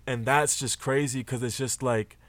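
A man, a rapper, talking casually and emphatically about his own track, swearing freely in an animated interview chat. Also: mid-range voice, normal speed, no echo.

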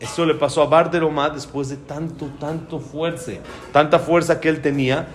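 Male Torah teacher, slightly raised pitch, lively storytelling with fillers. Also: moderate pace. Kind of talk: Talmud lesson.

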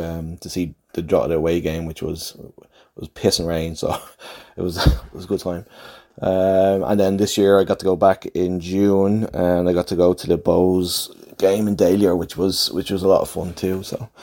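A man with a deep, relaxed voice and a softened Dublin accent talks off the cuff. He rambles a little, feeling his way through his thoughts in everyday slang, like a fan leaving a friendly message. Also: normal speed. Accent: Dublin Irish, slightly softened. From Dublin, Ireland. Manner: hesitant, rambling, colloquial. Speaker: overseas football supporter leaving a voice message. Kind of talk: casual, off-the-cuff chat.

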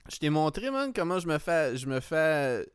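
Quebec french accent guy, casual podcast chat, smooth clear voice, rambly, throws in english slang. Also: on the high side, sing-song, moderate pace, no echo, clean studio sound. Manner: rambling, repeats himself, peppers talk with English slang. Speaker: podcast host. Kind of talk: casual chat, comic anecdote.

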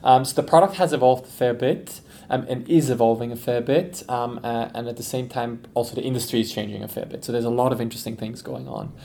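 Male podcast guest from Switzerland, a company executive, mid-pitched and gravelly, relaxed and thoughtful. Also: fast talker, slight background noise. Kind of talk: conversational interview answers.

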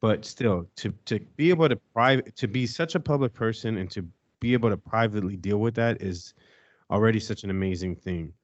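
Low-voiced laid-back podcast host man. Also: brisk, no room sound, muffled recording. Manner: laid-back, rambling, many restarts. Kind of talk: casual podcast chat.

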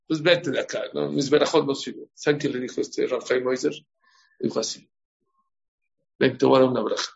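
A man's voice: mid-range voice, fairly even intonation, moderate pace, creaky, long pauses. A man giving a sermon as a rabbi, telling stories and asking his listeners questions. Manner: storytelling, asks the audience questions. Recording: dull lo-fi recording.

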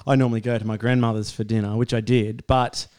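A man's voice: mid-range voice, flat delivery, quick pace, darkish tone, clean tone. A young Australian man chatting casually and telling stories in a laid-back, blokey tradie way, full of matey slang. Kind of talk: casual chat and storytelling.

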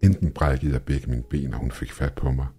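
Very deep, husky male horror narrator. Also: fairly even intonation, dark tone, soft background music. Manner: tense, measured storytelling.

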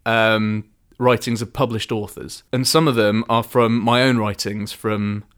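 A man's voice: on the low side, steady tone, a little slow, a bit bright. Male co-host, dry and self-deprecating, reads extracts aloud. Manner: dry, self-mocking, clears throat before reading. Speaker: podcast co-host. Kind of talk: casual comedy chat, reading passages aloud.

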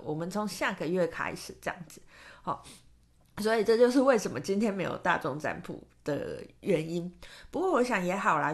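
A woman with a Taiwanese Mandarin accent hosting a solo podcast, chatting casually and rambling with many fillers and restarts. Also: medium pitch. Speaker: podcast host and tarot reader.

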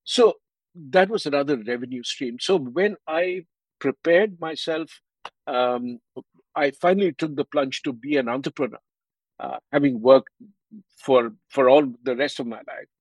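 A man with an Indian English accent, a guest author giving measured explanations in an interview. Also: mid-range voice, dry recording, rough recording. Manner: measured, explanatory, with frequent fillers.

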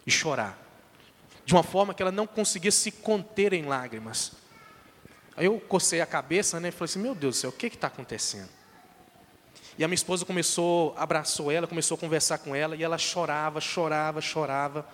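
High-voiced Brazilian man preaching in a hall. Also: a little fast, fairly bright tone. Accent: Brazilian Portuguese. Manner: emphatic, exhorting the congregation directly. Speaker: missionary giving testimony in church. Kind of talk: church testimony sermon. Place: church hall. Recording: long reverb of a large hall.

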